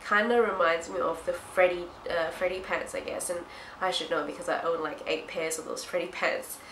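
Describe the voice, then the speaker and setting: Young female haul vlogger, stuffy nasal voice from being sick, lowish pitch, roomy sound. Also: fairly even intonation, normal speed, fairly bright tone. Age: young adult. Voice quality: nasal, congested. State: sick with blocked nose and itchy throat. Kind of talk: casual chat to camera. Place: small hard-walled room indoors. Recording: roomy echo, faint background noise.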